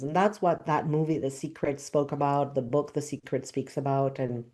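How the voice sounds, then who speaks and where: Low-voiced woman. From Argentina. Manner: expressive, emphatic storytelling. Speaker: spiritual teacher. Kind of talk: personal storytelling talk.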